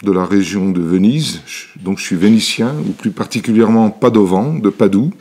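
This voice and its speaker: Speaking at a normal speed in a lowish, darkish, husky voice, the man shares his life story in his workshop. He's an elixir maker from Italy in his seventies, appearing as an interview guest, and his relaxed storytelling is hesitant, full of fillers and restarts.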